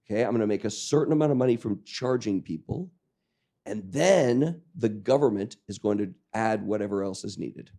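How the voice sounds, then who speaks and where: A man lecturing a class on public-private partnerships has a croaky voice and keeps clearing his throat. His pitch is fairly low, his tone dark, and his pace moderate. In a lecture room with a live audience, he jokes around and draws listeners in with questions.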